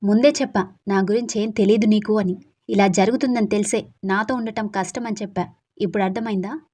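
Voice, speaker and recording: Brief: woman voicing a possessive young gangster in an audio drama, shouted menace. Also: medium pitch, steady tone, fairly quick, close to an everyday voice. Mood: angry. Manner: shouted threats. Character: brooding young male gangster lover, possessive and fierce.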